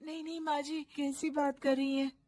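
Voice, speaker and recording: A woman voicing a meek young daughter-in-law in a cartoon story, with a high, pleading, teary manner. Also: flat delivery, normal speed, a little mellow, no room sound, natural voice. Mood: anxious.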